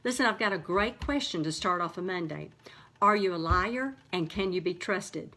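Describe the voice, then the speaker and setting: A middle-aged woman hosting her own show, telling a family story in an animated, conversational way with frequent restarts. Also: lowish voice, moderate pace. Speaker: host. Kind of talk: casual talk to camera.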